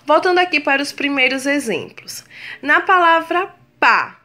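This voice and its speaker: A woman's voice: sits high, expressive, sharp tone. A woman teacher giving a recorded lesson to young pupils, addressing them affectionately and drawing out each word syllable by syllable. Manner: slow, drawn-out spelling of words syllable by syllable.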